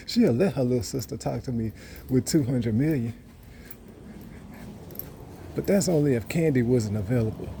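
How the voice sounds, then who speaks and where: A man's voice: mid-range voice, creaky, dark tone, slight background noise. A man, rambling and boasting in a casual monologue that repeats itself. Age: 30s. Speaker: vlogger.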